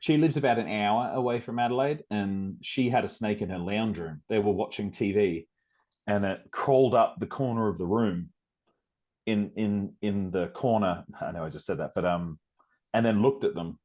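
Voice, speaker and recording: A South Australian man with an Australian accent hosts a podcast, chatting through a casual interview in a rambling way with lots of fillers. His voice is lowish and darkish in tone, at a normal speed.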